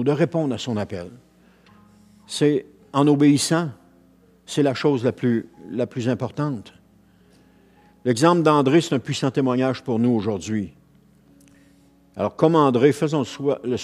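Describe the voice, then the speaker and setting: A male pastor with a Quebec French accent delivers a sermon in an earnest, mid-pitched voice. He leans on repetition, circles back on his own phrases and restarts sentences as he builds his point. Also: darkish tone.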